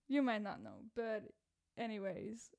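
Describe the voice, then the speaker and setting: A woman hosting her first casual solo podcast, rambling and self-deprecating, with a rough voice that cracks and frequent laughs at her own jokes. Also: medium pitch, darkish tone. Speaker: podcast host and content creator.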